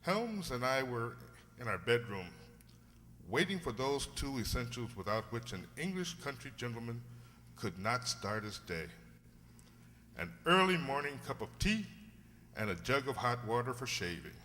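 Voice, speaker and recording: A man acts a genial older English doctor in an old radio play. The voice swoops in lively, bright exclamations, hearty and avuncular, with long hall reverb around it. He is a sentimental storyteller at heart. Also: medium pitch, normal speed, slight background noise. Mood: genial storytelling. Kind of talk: old-time radio drama acting.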